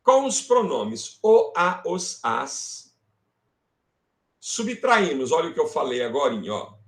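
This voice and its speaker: Slow, lively-voiced male teacher. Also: on the high side. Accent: Brazilian Portuguese. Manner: calls students "amores", checks with "beleza?" and "tá?"; fiddles with slides while talking to himself. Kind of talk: online grammar lesson.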